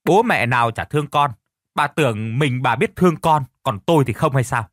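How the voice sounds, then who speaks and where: Guy voicing a grumpy old farmer husband, scolds and grumbles, lively pitch, dry close sound. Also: moderate pace, no room sound, close to an everyday voice. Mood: indignant. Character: gruff older farmer husband, irritable but softening.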